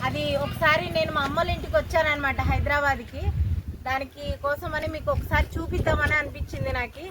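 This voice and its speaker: A woman's voice: high voice, steady tone, a little fast. A woman, chatting casually to viewers as host of her own cooking channel while out and about. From India. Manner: chatty, addresses viewers directly. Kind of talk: casual travel vlog. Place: outdoors and in a car. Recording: noisy outdoor phone recording.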